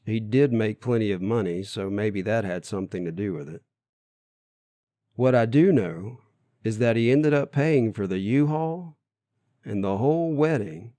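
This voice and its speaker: A man's voice: medium pitch, a little mellow, no echo. A man narrating his own memoir as an audiobook in an earnest, plain storytelling manner.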